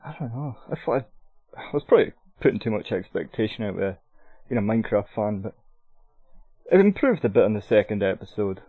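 Gravelly, husky man on a phone-like line. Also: fairly low pitch, animated, brisk, no room sound. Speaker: podcast co-host. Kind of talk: casual gaming chat. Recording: dry, thin phone-like call audio.

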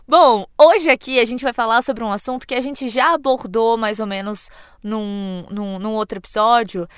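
A Brazilian woman hosting a podcast in a casual, playful, chatty way, her voice a little hoarse. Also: a little high, normal speed, no room sound, clean studio sound. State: slightly hoarse, recovering lost voice. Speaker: podcast host.

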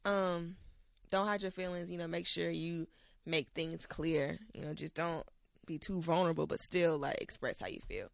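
A woman co-hosting a podcast from her desk, chatting casually in a slangy, animated way. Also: on the low side, moderate pace, vocal fry, no room sound, studio quality. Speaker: podcast co-host. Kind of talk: casual chat.

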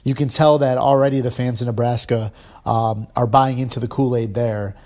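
A man in his thirties hosting a casual sports podcast, talking fast and loose with sarcastic jabs and sudden jumps in pitch for emphasis. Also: fairly even intonation, darkish tone. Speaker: podcast host.

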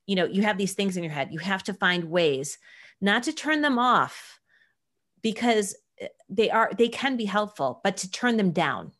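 A woman's voice: mid-range voice, big pitch swings, moderate pace, fairly bright tone. A middle-aged woman, a creativity teacher, chatting casually in an interview and acting out quoted voices with animation.

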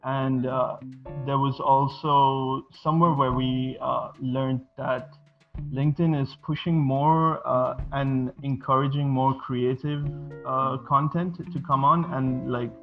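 A man's voice: mid-range voice, fairly even intonation, slow. A man in his twenties, originally from Sri Lanka, answering interview questions casually and hesitantly, with many fillers and restarts. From Sri Lanka, raised in Bahrain. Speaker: guest, design studio co-founder. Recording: dull lo-fi audio with music behind.

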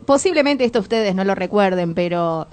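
A woman from Córdoba with an Argentine accent and faint traces of her home region, chatting as a radio guest in a lively, often laughing way. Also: medium pitch, brisk. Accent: Argentine Spanish, faint Córdoba traces. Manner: animated, laughs often, reflective. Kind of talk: casual radio chat.

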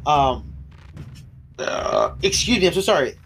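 A man's voice: fairly high pitch, big pitch swings, a little slow, gravelly, a bit bright, faint music behind. A man co-hosting a casual podcast, retelling a show's episode in a rambling way with laughs and restarts, his voice breaking and coughing now and then. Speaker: podcast co-host. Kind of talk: casual recap chat.

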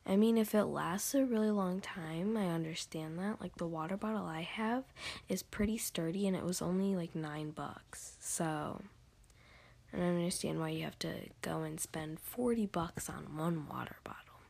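A teenage girl doing a whispered ASMR talk, casual and rambling with many fillers, in a breathy whisper. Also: fairly low pitch, normal speed, darkish tone.

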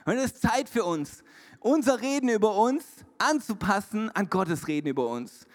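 Man, pastor, sermon, emphatic, repetitive, high-pitched, long hall reverb. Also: very animated, moderate pace. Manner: emphatic and repetitive, mixing in English words. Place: church hall.

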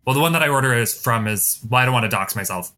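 Bright-voiced man chatting casually. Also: mid-range voice, expressive, rapid-fire. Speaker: podcast host. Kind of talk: casual chat.

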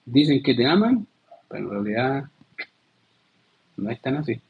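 A man's voice: medium pitch, big pitch swings, moderate pace, creaky, husky, phone-quality sound. A man with a Chilean accent, a pastor giving a sermon in an earnest way, often calling his listeners "dear". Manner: earnest, addresses listeners as "querido".

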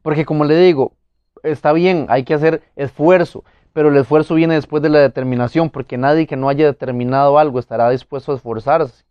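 A man's voice: a little high, fairly even intonation, brisk, clear, resonant tone, dry recording, highs cut off. A man preaching a motivational sermon, talking earnestly and with emphasis, speaking straight to his listeners.

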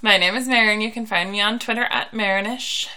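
A woman's voice: medium pitch, brisk, pushed and bright, slight background noise. A woman co-hosting a podcast in casual, playful, teasing chat. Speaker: hockey podcast co-host.

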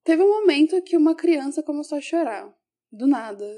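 A woman's voice: high-pitched, animated, normal speed, mellow. A woman, a teacher, telling a personal story in a reflective way, often correcting herself mid-sentence.

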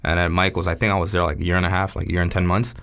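A man's voice: low voice, level tone, rapid-fire, a bit bright, smooth. A man, a chef as a guest, telling stories in a loose, laid-back way full of fillers. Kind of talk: casual chat.

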